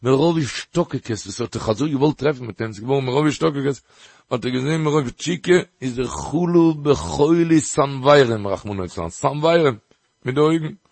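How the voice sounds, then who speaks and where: A man giving a Torah lecture, telling a story in an animated way with frequent emphatic bursts. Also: medium pitch, a little fast, creaky, no echo. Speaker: Torah teacher.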